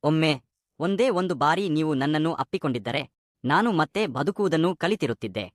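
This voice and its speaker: A man voicing a young abandoned pregnant woman, speaking in a soft, grieving way. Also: fairly high pitch, expressive, fairly quick, no room sound, clean studio sound, lightly acted.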